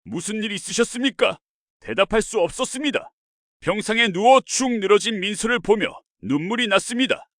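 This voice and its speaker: A man narrating a first-person family story in an earnest, steady way. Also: sits high, no room sound, clean studio sound.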